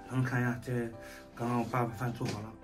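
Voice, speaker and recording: A man's voice: mid-range voice, level tone, fast, recorded from a distance. A man, chatting casually as a vlogger. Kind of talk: casual vlog chat. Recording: background music, voice off from mic. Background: music.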